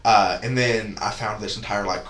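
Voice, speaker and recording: A man's voice: on the low side, steady tone, moderate pace, a bit bright. A nineteen-year-old man talking as a podcast guest, rambling casually with lots of "uh" and "like" fillers. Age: teens. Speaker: podcast guest, spoken word poet. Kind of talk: casual interview chat. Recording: echoey room with faint noise.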